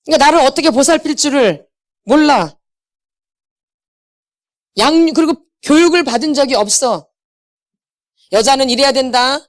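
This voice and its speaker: A woman's voice: high-pitched, lively intonation, moderate pace, pauses often. A middle-aged woman lecturing at a church healing seminar, emphatic, quizzing her audience and slipping into blunt casual speech. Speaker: inner healing ministry lecturer. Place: church meeting hall.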